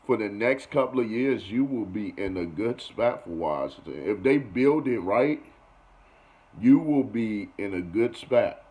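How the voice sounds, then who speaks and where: A man's voice: lowish voice, animated, unhurried, mellow. A young man running a casual sports commentary vlog, talking loosely and repeating himself with "you feel me" and "you know". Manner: loose and conversational, repeats phrases, keeps saying "you feel me". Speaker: sports vlogger.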